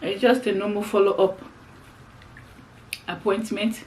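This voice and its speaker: A woman's voice: medium pitch, little pitch movement, a little slow, slight background noise, low-quality recording. A middle-aged woman chatting casually to her viewers during a meal, often repeating phrases as she explains. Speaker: mukbang vlogger. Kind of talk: casual chat to viewers while eating. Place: indoors, seated on the floor.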